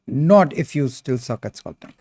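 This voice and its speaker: A young man with an Indian accent chats casually on a sculpting livestream, reading chat aloud and calling viewers "bro" in a laid-back way. His medium-pitched voice is darkish, with lively intonation at normal speed. The recording is dry, clean studio sound.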